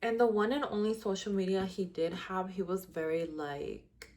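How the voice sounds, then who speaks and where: A woman's voice: medium pitch, fairly even intonation, moderate pace, a little mellow. A young woman in her twenties telling a personal story in casual storytime style, chatty and full of "like" fillers, dropping the odd Spanish word. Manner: chatty, frequent "like" fillers, slips into Spanish words. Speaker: vlogger.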